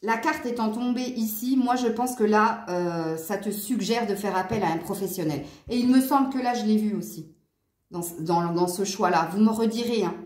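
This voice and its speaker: A woman's voice: medium pitch, moderate pace, darkish tone, reverberant. A woman with a southern French accent giving a casual tarot reading to her viewers, chatty and rambling. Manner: chatty and rambling, with frequent fillers and asides. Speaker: tarot card reader.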